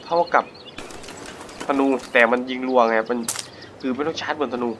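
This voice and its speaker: A man hosting a gaming channel, giving casual let's-play commentary in a jumpy, excitable way as he plays. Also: mid-range voice, moderate pace, slight background noise. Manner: excitable, jumpy, talks to himself while playing.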